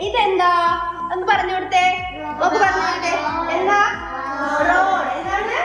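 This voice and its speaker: A woman's voice: very high-pitched, fairly even intonation, normal speed. A woman teaching abacus to a group of children in a classroom, coaxing them with sing-song questions. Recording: very echoey room with faint music.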